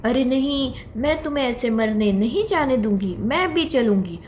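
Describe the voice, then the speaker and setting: A woman's voice: fairly high pitch, animated, moderate pace, darkish tone, a little hiss or hum, close to an everyday voice. A woman voicing a loving mother deer who pleads to protect her child. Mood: protective pleading.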